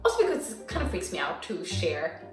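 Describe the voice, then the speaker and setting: A lowish female voice with big pitch swings moves along at a brisk clip. She's an Instagram creator from Finland, a native Swedish speaker, chatting in a casual Q&A vlog at home with lots of fillers and soft restarts. A far-off mic, an echoey room, and background music shape the sound.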